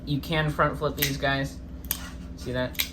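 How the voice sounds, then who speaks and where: Slowly and in a level tone, a man running a knife review channel chats informally through a review, his speech a little affected by swelling from wisdom teeth extraction. His voice is mid-range, and background noise runs underneath.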